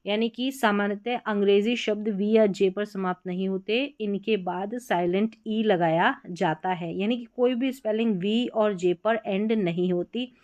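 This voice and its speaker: A woman with an Indian accent teaching an exam-prep grammar lesson, explaining step by step and repeating examples slowly. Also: mid-range voice, steady tone, a little mellow, dry recording, dull audio.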